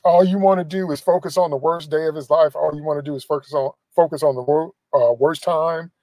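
A man's voice: on the high side, fairly even intonation, brisk, warm tone, dry recording, poor audio. A middle-aged man preaching a live-streamed sermon from inside a car into a phone held at arm's length, emphatic and repeating phrases for emphasis. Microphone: phone camera at arm's length.

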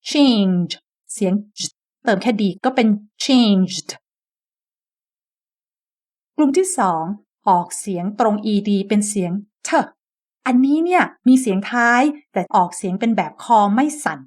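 A woman teaching English pronunciation in a slow, deliberate lesson, modelling each sound clearly and repeating words for the listener to copy. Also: a little high, lively intonation, darkish tone.

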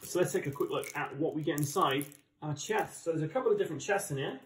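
A man's voice: on the high side, fast. A man with an English accent giving chatty, enthusiastic, casual unboxing commentary as a board game channel host. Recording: roomy, distant microphone.

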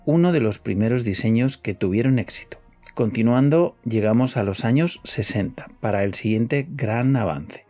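A man's voice: mid-range voice, mellow. A man presenting in the style of a scripted documentary narration.

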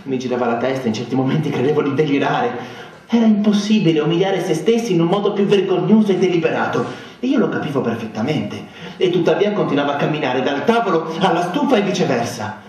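An actor on stage playing a bitter, humiliated man who swings between low muttering and shrill outbursts. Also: big pitch swings, a little fast, a little mellow. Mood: brooding. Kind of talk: theatrical monologue. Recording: echoey hall, distant mic.

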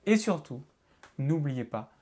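A man's voice: fairly high pitch, big pitch swings, slow pace, darkish tone. A man giving a lesson on spelling mistakes, repeating advice insistently and spelling words out letter by letter. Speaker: law lecturer and content creator.

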